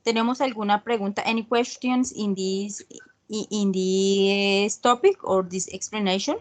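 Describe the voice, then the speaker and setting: A woman's voice: medium pitch, fairly even intonation, a little slow. A woman teaching an online English grammar class in Spanish, patiently checking in with her students after each point. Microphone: video call.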